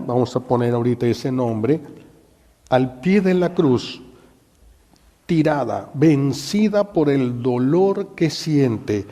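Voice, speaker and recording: Mexican priest preaching in an echoing hall. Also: male voice, fairly high pitch, mellow. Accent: Mexican Spanish. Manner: dramatic storytelling preaching. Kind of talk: sermon. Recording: long hall reverb.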